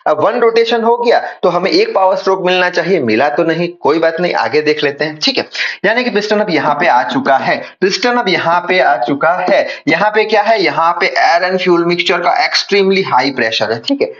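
A man's voice: sits high, expressive, moderate pace, a bit bright, lo-fi sound. A young man teaching an engineering class, asking questions and answering them himself, often repeating the key points. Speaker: engineering tutor. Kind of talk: whiteboard lecture.

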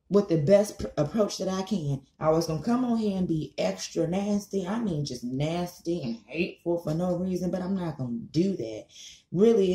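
Her voice is medium in pitch and warm as this American commentary vlogger, in her thirties, rants casually and bluntly to camera. The delivery is emphatic and repetitive, full of swearing, and the small room she records in is echoey.

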